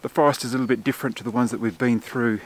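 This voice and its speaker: Mid-range and steady, this man in his forties talks very fast over slight background noise. A landscape photographer, he explains his shoot in a chatty, filler-heavy vlog to a handheld camera, its mic at arm's length, in a forest and at a gorge lookout.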